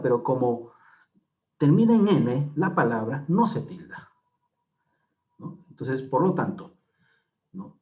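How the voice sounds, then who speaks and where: A man gives a classroom-style lecture in a mellow, darker voice at an ordinary pitch. He explains step by step, repeating key words and tossing in little tag questions to check that his listeners follow. His delivery is patient and measured. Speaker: teacher.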